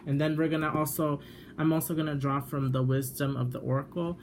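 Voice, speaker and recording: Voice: medium pitch, flat delivery, fairly quick, background noise. A tarot card reader talking casually to the camera in a chatty way, with lots of fillers and self-corrections. The reader sometimes steps away from the mic while shuffling.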